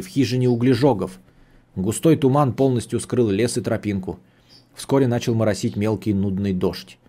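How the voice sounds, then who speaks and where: A man reading a novel aloud in the first person, with a measured, steady storytelling delivery. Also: medium pitch, slightly rough. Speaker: audiobook narrator.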